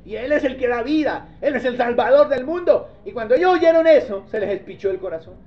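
A man preaching a sermon as pastor, swinging from quiet low asides to loud pleading outbursts and acting out the voices of people he describes. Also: lively intonation, brisk. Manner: acts out the doubter's and the seeker's voices himself. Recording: dull lo-fi recording.

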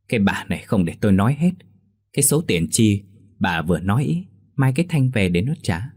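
A man's voice: fairly low pitch, very animated, normal speed, a little mellow, husky. A man voicing a stingy, bad-tempered middle-aged village man who grumbles and scolds. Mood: scheming.

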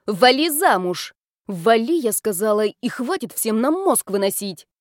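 A woman voicing a blunt, bossy young female friend who scolds and teases in a loud, pushy way. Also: fairly high pitch, sing-song, a little slow, no room sound, studio quality. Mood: scolding.

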